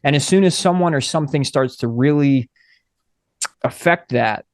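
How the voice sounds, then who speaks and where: Male podcast co-host, mid pitch, close and dry sound, relaxed conversational delivery. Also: moderate pace, dry recording. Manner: conversational, reads book excerpts aloud. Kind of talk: casual astrology chat.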